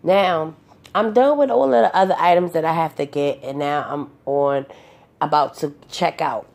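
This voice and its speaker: Deep, gravelly-voiced woman telling a story. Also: moderate pace, a little mellow. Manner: rambling, with many fillers and restarts. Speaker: vlogger recounting a personal experience. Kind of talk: casual storytelling monologue.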